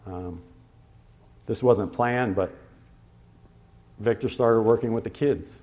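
In a chatty sermon to his flock, a pastor pauses, uses fillers, and slows down whenever he emphasizes scripture references. He speaks on the low side with a dark tone.

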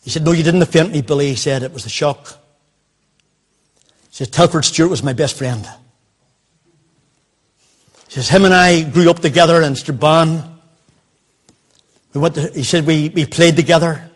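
A man's voice: fairly high pitch, normal speed, long pauses. An older man, telling a personal story in a sermon and quoting the people in it. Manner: anecdotal, quoting others in dialogue. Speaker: preacher.

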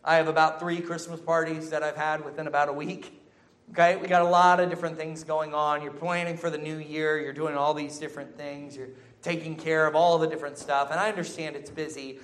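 Male preacher, high-voiced, emphatic sermon delivery, exhorting through repetition and questions. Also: little pitch movement, a little fast, fairly bright tone. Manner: emphatic, exhorting, with repeated short phrases and rhetorical questions.

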